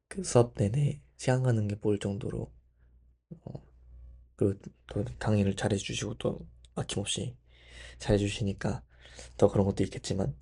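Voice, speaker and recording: This young man's voice is fairly low, creaky and slightly rough with a dark tone. A medical student, he thinks aloud to himself in a casual study vlog, wandering from thought to thought and frequently stopping and restarting.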